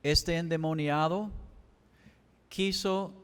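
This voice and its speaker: A man's voice: fairly high pitch, fairly even intonation, takes it slowly, fairly bright tone, smooth. A male pastor, preaching a sermon with emphatic, repetitive cadence. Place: church chapel. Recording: echoey church hall.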